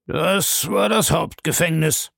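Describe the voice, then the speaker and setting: A man reading an audiobook, voicing a cruel old man who relishes other people's suffering in a slow, savoring way. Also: fairly high pitch, creaky, fairly bright tone, husky, dry recording, studio quality, voice pushed up, full character voice. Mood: showing off. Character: cruel gloating old man, castle owner. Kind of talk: audiobook character voice.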